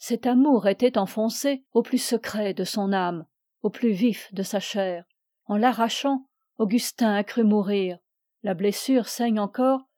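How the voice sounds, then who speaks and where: A woman reading aloud and voicing a calm, stern, grey-bearded older man who speaks in a measured, grave way. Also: medium pitch, dry recording, clean studio sound, close to an everyday voice.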